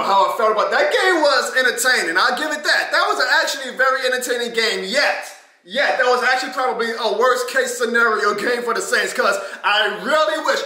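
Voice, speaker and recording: A man in his thirties hosting a casual sports reaction video in his living room, ranting and swearing with animated energy. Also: extremely high pitch, roomy sound. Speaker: host.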